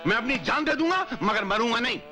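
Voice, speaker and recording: Gruff scolding father. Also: extremely high pitch, lively intonation, fast talker. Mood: irate. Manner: gruff, insulting. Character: grumpy scolding old father.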